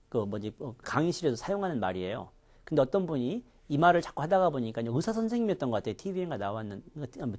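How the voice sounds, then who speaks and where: Animated male pronunciation teacher. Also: medium pitch. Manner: animated, demonstrating sounds with exaggerated contrasts. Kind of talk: recorded lecture.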